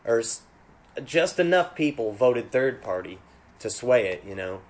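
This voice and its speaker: A man chatting casually about politics, restarting his words often and leaving long pauses. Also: mid-range voice, very animated. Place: cold unheated jam room.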